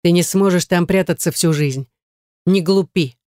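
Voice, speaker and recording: A woman's voice: lowish voice, normal speed, a little mellow, no echo, studio quality, natural voice. A woman reading an audiobook, voicing a stern, cold man who speaks in clipped, curt lines. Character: stern, cold grown man, older brother. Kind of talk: audiobook character voice.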